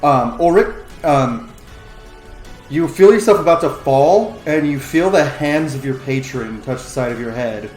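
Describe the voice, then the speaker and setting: A man's voice: medium pitch, lively intonation, measured pace. A man narrating a tabletop role-playing game as the game master. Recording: roomy echo, faint music underneath. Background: faint background music.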